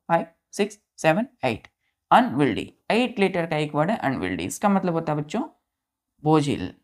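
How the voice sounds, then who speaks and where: A woman teacher giving a vocabulary lesson, spelling words letter by letter and asking her students questions that she answers herself. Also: fairly low pitch. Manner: addresses students as children, asks and answers own questions.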